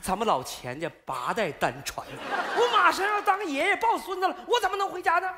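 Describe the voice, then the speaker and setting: An actor playing an eager older grandfather-to-be in a sitcom, talking loud and excited. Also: very high-pitched, brisk, background noise. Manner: loud, excited comic delivery. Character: eager old grandfather-to-be, fussy and proud. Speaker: sitcom character. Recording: studio audience laughter behind.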